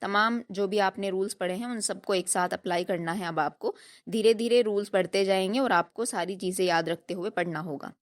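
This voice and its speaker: Woman, recitation teacher, patient, step-by-step, slow drilled sounds, mid pitch. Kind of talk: tajweed lesson.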